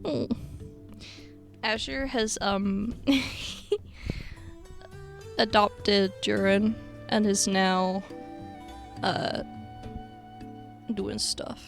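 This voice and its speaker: A woman's voice: mid-range voice, fairly even intonation, extremely slow, vocal fry, pauses often, soft background music. A woman streaming live, chatting casually to her chat and teasing herself with frequent giggles.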